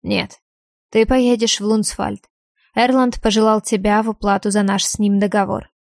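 A woman's voice: medium pitch, level tone, moderate pace, gravelly, no echo, clean studio sound, natural voice. A woman voicing a stern, tired older prince who is the heroine's father in an audiobook. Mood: weary. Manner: curt, tired.

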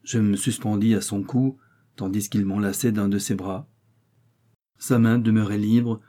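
A male audiobook narrator with a warm, mellow tone and a slightly husky edge. He reads old literary prose in a measured, steady way. His voice sits on the lower side. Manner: measured, even reading of nineteenth-century prose. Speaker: audiobook reader.

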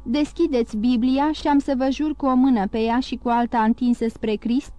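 Storybook role: a woman doing a greedy, excitable innkeeper, fervent and loud, in a mellow, fairly high voice, dry. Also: dry recording, close to an everyday voice. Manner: exclaiming, fervent.

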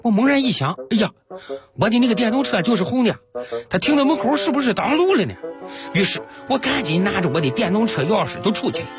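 A man radio host telling comic first-person stories with dramatic pauses, over background music. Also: high voice. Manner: animated storytelling with comic pauses. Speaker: radio host reading jokes. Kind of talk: scripted comic storytelling. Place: radio studio.

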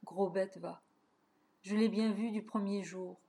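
A woman's voice: mid-range voice, fairly even intonation, slow, mellow. A woman voicing a frank, lightly ironic woman of fifty-eight in a storybook reading. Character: cheerful plump woman of 58, frank.

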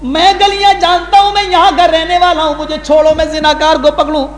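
A man's voice: very high voice, little pitch movement, soft background music, voice pushed up. A preacher voicing a wrongly accused man who pleads his innocence, his tone rising, in a sermon story. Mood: urgent. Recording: echoey hall with long reverb.

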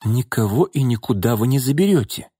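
A man's voice: medium pitch, animated, brisk, mellow, husky, no echo, studio quality. A man playing a firm young nanny. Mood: stern. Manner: cool, stern, composed.

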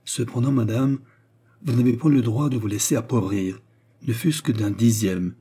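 A man voicing a noble count and gallant seducer who speaks softly, earnestly and courteously in an audiobook. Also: mid-range voice, moderate pace, slightly rough. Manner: soft, earnest, courtly speech. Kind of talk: audiobook character reading.

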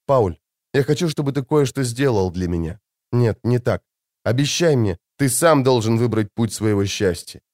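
A gentle, soothing noble mother, read by a man. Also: medium pitch, expressive, normal speed, no room sound, studio quality, close to an everyday voice. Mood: remorseful. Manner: soft and soothing.

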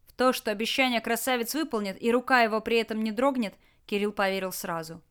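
A woman's voice: fairly high pitch, fast, smooth. Woman narrating an audiobook dramatically. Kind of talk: expressive scripted narration.

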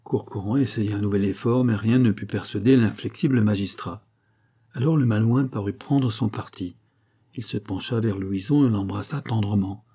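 A man reads a classic adventure novel aloud in a low, warm and husky voice. His storytelling is measured and even. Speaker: audiobook reader. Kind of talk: scripted narration.

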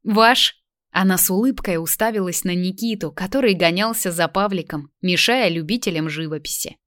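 A woman narrating a novel in a calm, even storytelling manner. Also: lowish voice, fairly quick, dry recording, studio quality. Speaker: audiobook narrator. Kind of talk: scripted narration.

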